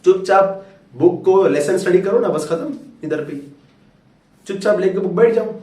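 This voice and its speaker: A man's voice: high-pitched, normal speed, dark tone. Fatherly tutor, roomy and distant. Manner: fatherly, coaxing, calls listeners "beta". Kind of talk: motivational talk to students. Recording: roomy echo, far from mic.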